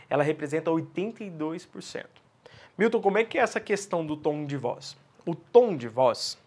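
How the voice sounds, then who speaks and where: A man teaching sales communication, talking straight to his viewers and answering his own questions. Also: high voice. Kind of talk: instructional talk to camera.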